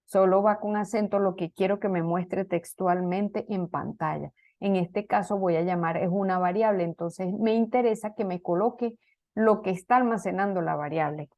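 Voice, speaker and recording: A woman's voice: medium pitch, moderate pace, a little mellow. A woman teaching a programming class, walking students through code step by step and checking in with frequent questions of "¿ok?". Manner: explains step by step, many fillers and restarts, asks "¿ok?". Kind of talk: online class lecture.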